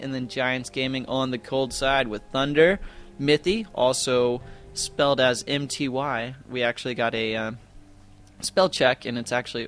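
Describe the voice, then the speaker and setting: A young man casting a video game tournament live, chatty and rambling, full of fillers and quick self-corrections. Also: mid-range voice, fairly bright tone. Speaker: esports tournament caster. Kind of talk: casual live game commentary.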